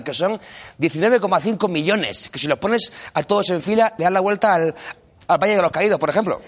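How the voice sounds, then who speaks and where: Man, stand-up comedian, playful mock-serious, slightly high voice, live crowd laughing, noisy stage. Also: fairly bright tone. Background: audience laughing.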